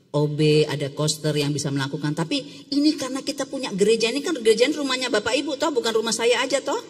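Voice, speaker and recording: A woman pastor giving a Sunday sermon, chatty and lively, asking the congregation questions and calling for raised hands. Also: lowish voice, breathy edge. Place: church sanctuary. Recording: long church reverb.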